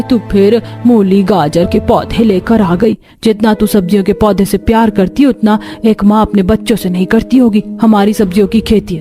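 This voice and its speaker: A woman's voice: medium pitch, close to an everyday voice. A woman voicing an exasperated village mother who chides her daughter. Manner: exasperated, chiding. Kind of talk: cartoon voice acting.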